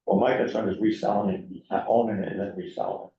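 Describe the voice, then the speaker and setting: A man's voice: on the low side, fairly even intonation. A man on a town board arguing bluntly and with strong opinions during a meeting discussion. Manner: blunt, opinionated, argues in quick bursts. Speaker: board of selectmen member. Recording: roomy, distant, dull hall recording.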